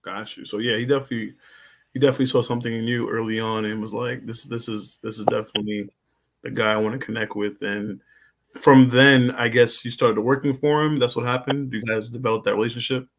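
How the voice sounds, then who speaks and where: With a medium-pitched voice, steady tone, and fast pace, a man hosts a live podcast interview in a casual livestream format. Friendly and relaxed toward viewers, the host shouts out his listeners.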